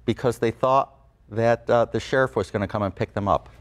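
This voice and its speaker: A man's voice: mid-range voice, a little fast. A man speaking as an attorney guest in an interview, explaining things informally in plain words, repeating for emphasis.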